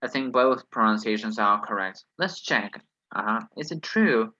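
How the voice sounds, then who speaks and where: A man's voice: fairly low pitch, expressive, normal speed, pushed and bright, highs cut off, slight background noise. A man who is not a native English speaker teaches an online lesson, reasoning hesitantly through exercises with many fillers. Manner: hesitant, thinks aloud, many "well"s.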